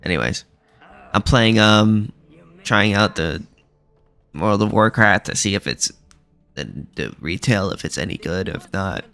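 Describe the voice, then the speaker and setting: A man's voice: deep voice, animated, a little slow, vocal fry, pauses often, bright, forceful tone. A man hosting a livestream, chatting casually while he plays a game. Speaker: livestream debate host. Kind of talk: casual chat while gaming. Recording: roomy sound with music. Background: faint music.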